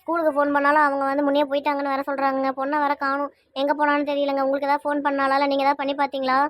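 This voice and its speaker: A woman playing a frantic, fast-talking mother. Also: sits high, monotone, natural voice. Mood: pleading. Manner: rapid pleading questions, fretful. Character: anxious mother fretting over missing daughter. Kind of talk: amateur family web drama.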